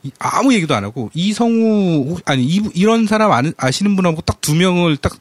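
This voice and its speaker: Male podcast co-host, 30s, high animated voice, joking and profane, dry close sound. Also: fairly quick, no echo. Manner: joking, swears, acts out anecdotes. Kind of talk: casual podcast chat.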